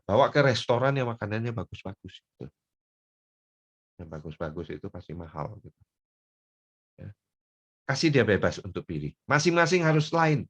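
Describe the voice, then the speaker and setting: An older man from North Sumatra preaching a folksy sermon, dropping to soft murmurs and then rising into loud, emphatic bursts. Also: medium pitch, sing-song, normal speed, long pauses, lo-fi sound. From Pematangsiantar, North Sumatra.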